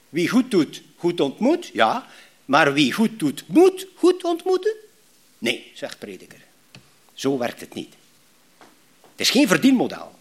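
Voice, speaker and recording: A middle-aged man from Belgium with a West Flemish accent, preaching a sermon with rhetorical questions and frequent restarts. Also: high-pitched. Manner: animated, repetitive restarts, rhetorical questions to the congregation. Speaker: pastor.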